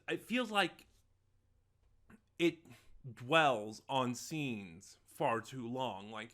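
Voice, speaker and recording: The audio drama reviewer's voice is mid-range, bright, and forceful. As host he talks casually without a script, rambling, halting, and frequently correcting himself.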